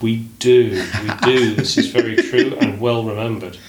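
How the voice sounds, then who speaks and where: A man hosting a casual podcast chat in a hotel room. He talks in a measured way, often says "indeed", and is recorded on low-quality audio. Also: fairly even intonation, roomy sound, crowd noise. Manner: measured, fond of saying "indeed", many "uh" and "um". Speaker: podcast host.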